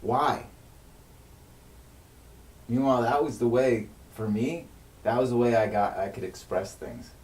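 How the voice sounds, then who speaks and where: A man's voice: mid-range voice, unhurried, pauses often, darkish tone. A man ranting angrily and swearing a lot on a livestream, often breaking off and restarting his sentences. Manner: agitated, swears heavily, rants with frequent restarts. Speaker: streamer. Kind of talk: unscripted venting monologue on a livestream. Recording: echoey room, mic at a distance, faint noise.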